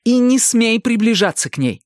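A woman playing an angry, protective mother in an audiobook, sharp and scolding. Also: a little high, sing-song, normal speed, dry recording, clean studio sound. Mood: bitter scolding. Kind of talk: audiobook character voice.

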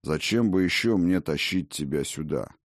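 Man voicing ancient old god, very deep voice, stern, commanding, booming, dry audiobook sound. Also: animated, normal speed, no room sound. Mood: calm, certain. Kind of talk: audiobook character reading.

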